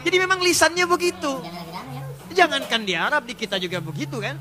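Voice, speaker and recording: A male preacher giving a lively storytelling sermon, now and then chanting verses slowly. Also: extremely high pitch. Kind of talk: Islamic sermon.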